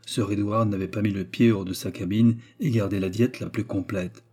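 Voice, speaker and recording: Mellow, husky male storyteller. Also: lowish voice, steady tone. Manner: measured, storytelling. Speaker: narrator. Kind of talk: scripted audiobook narration.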